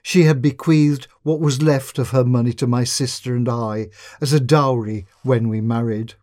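A man's voice: mid-range voice, fairly even intonation, moderate pace, darkish tone, dry recording, studio quality, natural voice. A man reading a story, voicing a frightened young woman who pleads urgently for help. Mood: distressed. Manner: urgent, trembling pleas.

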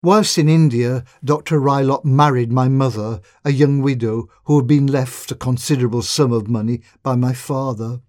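A man's voice: mid-range voice, fairly even intonation, normal speed, hardly any pauses, darkish tone, dry recording, studio quality, close to an everyday voice. A man voicing a frightened young woman. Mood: distressed. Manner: urgent, trembling pleas.

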